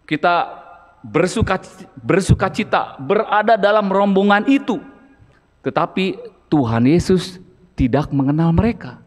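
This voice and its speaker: An earnest, emphatic man delivers a sermon, often turning to his listeners. His voice sits high for a man. A long church-hall reverb trails behind him. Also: animated, unhurried, long pauses. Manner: earnest, emphatic, addresses listeners as brothers and sisters. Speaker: deacon preacher.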